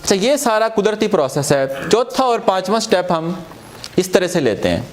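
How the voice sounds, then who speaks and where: A man with a high voice that swings widely up and down as he lectures a room of teachers. He sounds earnest and encouraging, turning straight to his listeners as he coaches them. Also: very animated, slight background noise. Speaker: teacher trainer. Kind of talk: motivational training lecture. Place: training room before a group of teachers.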